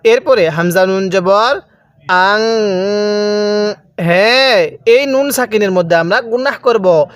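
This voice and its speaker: A man teaching Quran recitation step by step, spelling out letters and then reciting the words slowly and drawn out, and putting questions to the viewer that he answers himself. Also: high-pitched, lively intonation, a bit bright, no echo.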